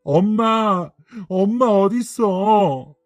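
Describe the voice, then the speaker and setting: A man's voice: expressive, takes it slowly, warm tone, no room sound, studio quality, soft background music. A man doing a frightened ten-year-old boy. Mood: panicked. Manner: high, strained, crying pleas.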